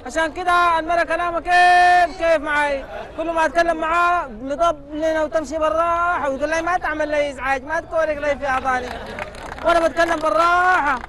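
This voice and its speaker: A man's voice: very high voice, fairly even intonation, fast, crowd noise, noisy background. A pleading, angry Sudanese father. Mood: aggrieved. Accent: Sudanese Arabic. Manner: loud, pleading, accusing stage delivery. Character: worried father angry at drug dealers. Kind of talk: street theatre comedy sketch.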